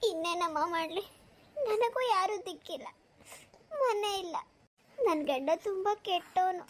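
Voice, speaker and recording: A woman voicing a poor, abandoned young mother in a cartoon, speaking softly and respectfully. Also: very high-pitched, expressive, a little slow, noisy background. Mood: sorrowful. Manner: soft, pleading and respectful. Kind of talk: cartoon voice acting.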